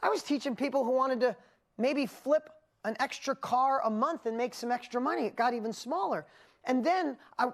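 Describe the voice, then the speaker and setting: A woman's voice: high voice, moderate pace. A woman with a New York accent giving a motivational seminar talk, telling stories with energy and acting out her own inner voice. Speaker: seminar presenter.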